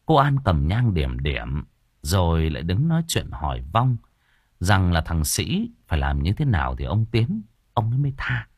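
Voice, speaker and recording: Man, audiobook narrator, husky, dry recording. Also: low voice, normal speed, no echo. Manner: lively expressive storytelling.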